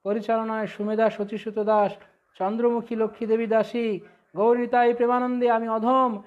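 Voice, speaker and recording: A man preaching a devotional sermon online, fervent and rising on ecstatic phrases, slipping into slow melodic chanting of hymn verses. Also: high-pitched, flat delivery, phone-quality sound. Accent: Bengali. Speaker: preacher leading an online class.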